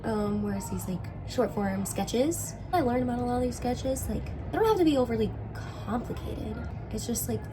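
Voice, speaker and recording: A young woman with vocal fry and a sore throat talks in a casual, slangy vlog style, often dropping in "like". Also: fairly high pitch, animated, normal speed, hardly any pauses, over music, rough recording. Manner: informal, slangy, frequent "like". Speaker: vlogger, musician and sketch writing student.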